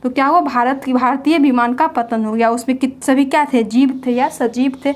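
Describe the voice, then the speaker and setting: A woman's voice: high-pitched, fairly even intonation, moderate pace. A young woman teaching a general knowledge lesson, explaining memory tricks and asking and answering her own questions. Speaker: quiz teacher.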